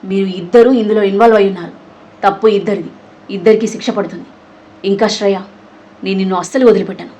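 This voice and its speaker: A woman's voice: medium pitch, fairly quick, long pauses, darkish tone, lightly acted, poor audio. A woman voicing a furious young woman who scolds a traitor sharply and sarcastically. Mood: angry.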